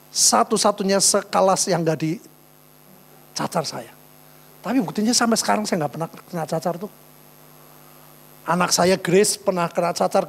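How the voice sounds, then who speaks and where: A man's voice: high voice, creaky. A man preaching a sermon as pastor, telling stories and acting out conversations. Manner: storytelling, often addressing listeners as saudara, acting out quoted dialogue. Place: church. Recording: faint mains hum.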